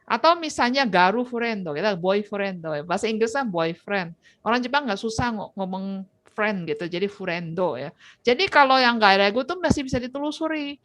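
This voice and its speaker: A woman's voice: mid-range voice, expressive, brisk, a bit bright, dry recording. A woman lecturing on Japanese language in an informal online class, talking conversationally and tagging her sentences with "ya".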